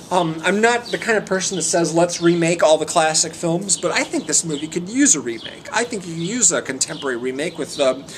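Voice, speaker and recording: A man with a slightly high voice talks through a casual film review. He is hesitant and meandering, often searching for words and letting sentences trail away. Some background noise sits behind him. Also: fairly bright tone. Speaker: amateur movie reviewer.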